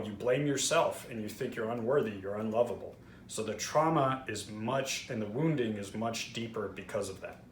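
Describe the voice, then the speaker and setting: A man from Israel, host of a trauma-healing channel, candidly explaining with frequent fillers and restarts. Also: medium pitch. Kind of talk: earnest explanatory talk to camera. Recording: roomy echo with faint background noise.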